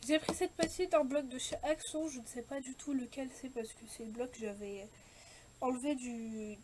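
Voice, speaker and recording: A woman's voice: sits high, fairly even intonation, moderate pace, background noise. A young woman casually talking through a scrapbooking project, hesitant and full of fillers and restarts. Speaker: scrapbooking vlogger. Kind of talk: casual craft tutorial chat.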